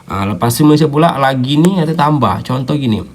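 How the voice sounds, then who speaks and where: A man giving a casual spoken language lesson. He explains step by step, acts out example sentences, and fills his pauses with "ah". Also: medium pitch, lively intonation. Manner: chatty, with many filler "ah" sounds. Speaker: language teacher.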